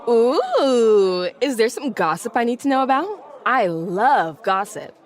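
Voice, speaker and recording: A woman's voice: fairly high pitch, very animated, normal speed, noisy background. A woman voicing a nosy, gossip-loving schoolgirl who talks in a gushing, theatrical way.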